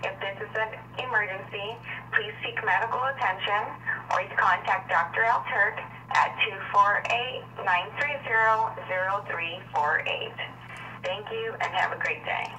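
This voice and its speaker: A woman's voice: mid-range voice, moderate pace, bright, forceful tone. A woman's recorded office greeting heard over a phone line, formally reading out hours and menu options. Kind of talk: scripted answering-machine message. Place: office answering system. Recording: distant phone audio with faint hiss.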